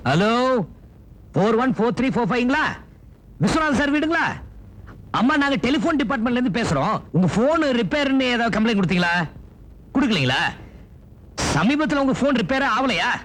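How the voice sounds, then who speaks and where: An earnest young reporter. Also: male voice, very high voice, big pitch swings, a little fast, long pauses, a bit bright, full character voice. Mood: polite. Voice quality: earnest, persuasive, playful with a child. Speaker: newspaper reporter. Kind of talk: 1990s film dialogue.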